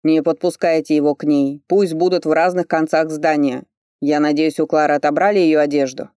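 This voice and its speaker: Reader doing hard-edged male investigator, slow deliberate commands, dry close sound. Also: fairly high pitch, fairly even intonation, a little mellow, smooth, no room sound, natural voice. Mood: commanding. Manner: curt, authoritative, slow deliberate orders. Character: stern commanding nobleman investigator, man. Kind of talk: audiobook character voice.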